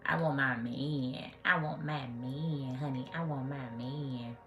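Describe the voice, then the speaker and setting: A woman in her late thirties hosts a casual livestream, sassily talking back to viewers' comments in a very deep, bright, forceful voice. She speaks slowly with fairly even intonation, in an echoey room with faint ambience and faint music behind her.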